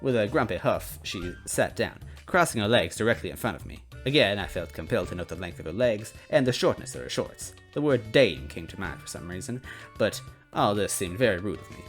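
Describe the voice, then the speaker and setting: A man with a lowish, expressive voice hosts a semi-dramatic reading of a noir detective story, speaking a little fast over faint background music. He stumbles over lines now and then and drops in casual asides.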